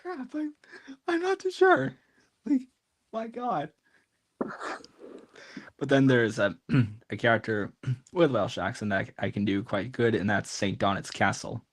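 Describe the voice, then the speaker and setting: An animated streamer talks casually with a friend during a livestream, his voice lifting and falling with a lively, expressive pitch. He speaks in a relaxed, chatty way, trailing off and restarting as he thinks aloud. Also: measured pace, pauses often. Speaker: streamer, voice actor. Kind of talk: casual chat.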